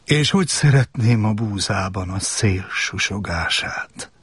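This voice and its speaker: A man voicing a wise, wistful and lonely fox in a storybook reading, with a gentle, pleading tone. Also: fairly low pitch, animated, breathy edge, no echo, full character voice.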